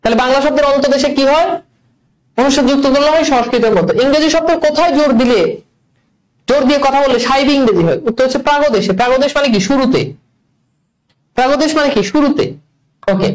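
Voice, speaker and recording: A man teaching an online class, quizzing students with rapid questions and then answering them himself. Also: very high-pitched, low-quality recording. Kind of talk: online class quiz review.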